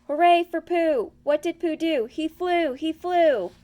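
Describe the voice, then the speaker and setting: Young storybook kangaroo played by a woman: boy, excitable, sing-song, pitched well up, gleeful. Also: unhurried. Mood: gleeful cheering. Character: excitable, cheering young male kangaroo child. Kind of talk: children's storybook character voice.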